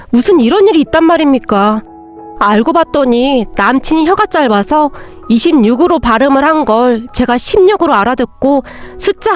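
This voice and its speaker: High-voiced woman telling a story. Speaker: narrator. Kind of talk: first-person story narration.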